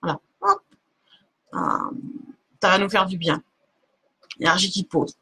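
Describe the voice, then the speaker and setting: A woman's voice: mid-range voice, big pitch swings, measured pace, sharp tone, husky. A woman giving a live oracle card reading on a stream, casual and hesitant, stopping often to search for words. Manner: many fillers and restarts, laughs at herself.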